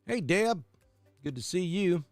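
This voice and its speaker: Animated and high-pitched, the middle-aged Alabama man speaks a little slowly over soft background music. He's a weather broadcaster chatting casually on a live stream, greeting viewers by name.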